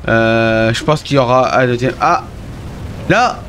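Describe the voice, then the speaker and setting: A man giving casual gameplay commentary as a YouTuber, excitable, swinging between grumbling at the game and cheerful explaining to his viewers. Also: mid-range voice, unhurried, a little hiss or hum. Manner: keeps addressing viewers as friends. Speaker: gaming YouTuber.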